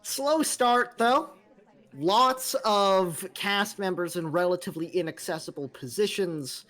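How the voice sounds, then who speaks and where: A woman host casting a competitive video game match. She calls picks and plays at a measured, slow pace and walks through each step of the action. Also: mid-range voice. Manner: steady play-by-play, calls the draft and action. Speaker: host caster. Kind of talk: esports play-by-play.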